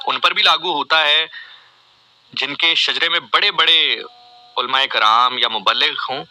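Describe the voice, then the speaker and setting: A man's voice: a little high, a little slow, sharp tone, slight background noise, rough recording. A man, a radio host giving an earnest, reflective monologue full of pleading rhetorical questions. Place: radio studio.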